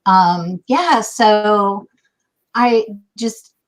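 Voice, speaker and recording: A woman's voice: mid-range voice, extremely slow, poor audio. A woman in her fifties hosting a casual livestream chat, bubbly and effusive, with lots of fillers. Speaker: host.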